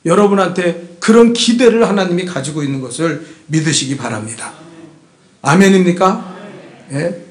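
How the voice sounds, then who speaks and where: A male pastor preaches a sermon in a high, lively voice that leaps up and down. He moves from loud exhortation to hushed asides and keeps prodding his flock with questions. The church room around him rings with echo. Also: moderate pace. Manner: emphatic, keeps prodding the congregation with rhetorical questions. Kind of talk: Sunday sermon. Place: church sanctuary.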